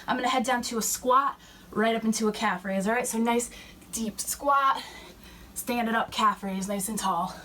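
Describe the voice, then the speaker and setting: A young woman fitness instructor cueing warm-up moves while she exercises, a little out of breath. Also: a little high, moderate pace. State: slightly out of breath. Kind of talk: workout instruction. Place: fitness center. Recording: distant mic with faint room noise.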